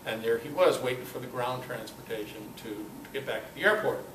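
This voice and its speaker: An older man, a guest speaker at a club meeting, shares personal anecdotes in a halting, conversational way before an audience in a meeting room. His voice is mid-range and fairly bright, captured from far off in an echoey, noisy room.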